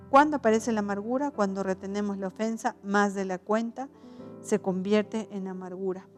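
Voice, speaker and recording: A woman's voice: mid-range voice, darkish tone. A woman pastor giving a conversational sermon, often restarting her sentences, adding tag questions and acting out quoted voices.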